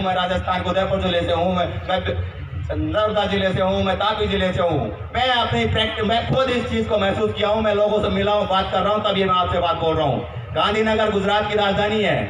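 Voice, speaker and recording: A man's voice: sits high, roomy sound, distant mic, noisy background. A man giving an impassioned public speech at a convention, firing rhetorical questions at the crowd.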